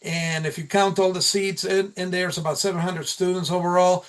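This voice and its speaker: This high-voiced man speaks in a level tone while presenting slides informally at a meeting in his role as a college program instructor. His delivery is halting, full of repeated and restarted phrases.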